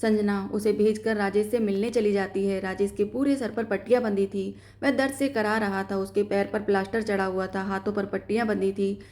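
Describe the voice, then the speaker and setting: A woman's voice: medium pitch, level tone, a little fast, hardly any pauses, a little mellow. A woman narrating a scripted emotional story and reading every character herself.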